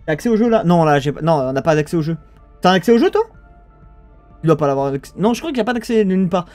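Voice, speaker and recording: A young man with a French accent and a slightly high voice casts a strategy game live. He rambles and banters with his viewers, stumbling over restarts, with faint music in the background. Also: big pitch swings, quick pace, a little mellow, dry recording. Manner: chatty, banters with chat, trails off and restarts. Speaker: esports caster. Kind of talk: casual live game commentary.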